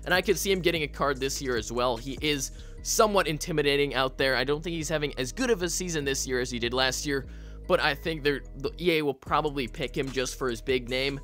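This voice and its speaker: A man's voice: mid-range voice, fast, fairly bright tone. A man hosting a gaming video, giving casual, opinionated commentary as he thinks aloud. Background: music.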